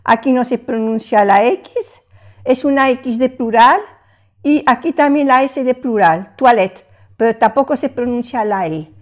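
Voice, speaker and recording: Older female teacher; slow, patient, high-ish voice, drills phrases one by one. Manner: patient, repeats phrases slowly. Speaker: French teacher. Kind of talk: language lesson.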